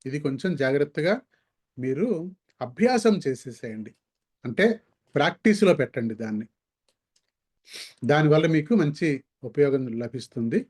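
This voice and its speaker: A man teaching a language lesson, slowly sounding out syllables and words to demonstrate pronunciation. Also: medium pitch, expressive, a little mellow. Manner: slow, careful demonstration of sounds. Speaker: Sanskrit teacher.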